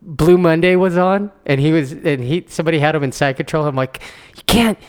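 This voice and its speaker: Male podcast co-host, jokey and teasing, voice sitting a bit high. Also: steady tone, a little fast, smooth. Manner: teasing, joking banter. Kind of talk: casual chat.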